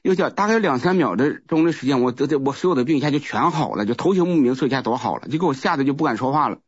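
Fast-talking man. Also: medium pitch, lively intonation, slightly rough, no room sound. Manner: rambling, repeats words, restarts often. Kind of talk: casual spoken testimony. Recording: muffled lo-fi recording.

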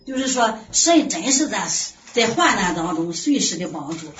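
A woman's voice: medium pitch, very animated, normal speed, fairly bright tone. A middle-aged woman giving an earnest personal faith testimony, full of sighing exclamations. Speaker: church member giving testimony. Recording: distant roomy lo-fi recording with faint hiss.

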